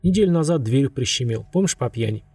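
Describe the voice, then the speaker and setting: Мужчина играет грубоватого крикливого молодого парня в аудиокниге, с сипловатым голосом. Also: male voice, medium pitch, lively intonation, quick pace, husky, no echo. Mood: dismissive. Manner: shouting, coarse. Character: brash young man, loud and rough.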